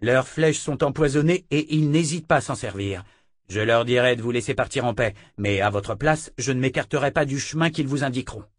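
A man's voice: medium pitch, a little fast, no echo, close to an everyday voice. A male narrator doing a defiant young swordsman, curt and blunt. His voice is a touch raised from the reader's own, read in a dry, close recording. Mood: curt, guarded.

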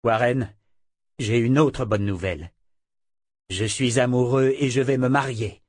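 A man's voice: medium pitch, measured pace, darkish tone, dry recording, clean studio sound, close to an everyday voice. A man voicing a cheerful young hero. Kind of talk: audiobook character voice.

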